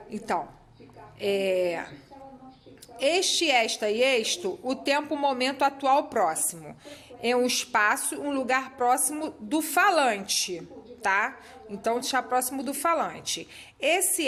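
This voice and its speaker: A woman teacher, patiently walking students through exercises step by step and often checking that they follow. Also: a little high. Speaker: Spanish teacher. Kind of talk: recorded class explanation.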